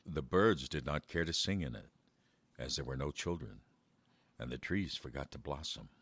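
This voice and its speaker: A man reading a children's story aloud in a measured way, slowing down for verse. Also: very deep voice, animated, fairly bright tone, husky, no echo.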